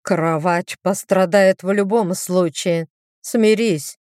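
Woman doing a slow, drawling demon lover. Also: on the low side, steady tone, a little mellow, no echo, clean studio sound. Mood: smug. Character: smug, teasing male demon lover.

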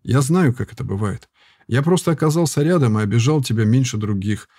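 A man voicing a weary, gentle old herbalist. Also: mid-range voice, animated, fairly quick, no echo, studio quality. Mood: reasoning. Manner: soft, patient, sighing. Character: weary male herbalist, former warrior, calm and gentle. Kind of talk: audiobook character reading.

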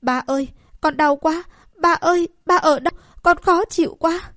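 A woman's voice: moderate pace, a bit bright, no echo, clean studio sound. A woman voicing a sick young princess who cries out in pain for her father. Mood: anguished. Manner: crying out in high wailing pleas.

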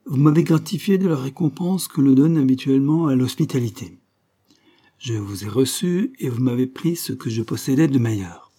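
A man's voice: medium pitch, moderate pace, mellow, husky, pitched above the performer's own voice, close to an everyday voice. A man reading an audiobook, voicing a proud, stern older father who blusters emphatically. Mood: reproachful.

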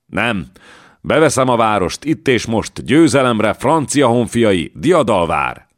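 A man voicing a defiant young peasant warrior maiden who shouts rousing battle cries. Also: low voice, animated, no room sound, clean studio sound.

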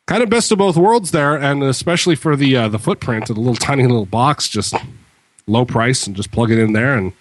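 Guy on a tech podcast, chatty and informal, medium pitch. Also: expressive, a little fast, dry recording. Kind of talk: casual tech chat. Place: room with bare walls, slightly reverberant.

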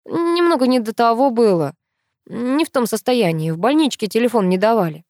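A woman reading an audiobook, voicing a calm young man who speaks in a soothing, practical way. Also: fairly high pitch, normal speed, no echo, studio quality, voice pushed up. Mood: awkward.

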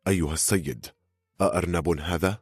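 A man voicing a cold, precise English gentleman traveler who speaks curtly in an audiobook. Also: deep voice, a little fast, breathy edge, no echo, studio quality, faint music behind, pitched below the performer's own voice. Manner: cold and curt.

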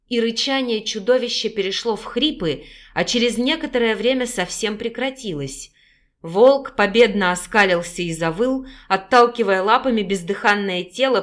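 A woman reads a fantasy novel aloud as narrator, in a steady, even storytelling manner. Her voice sits at a medium pitch for a woman. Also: normal speed. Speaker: audiobook narrator. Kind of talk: scripted narration.

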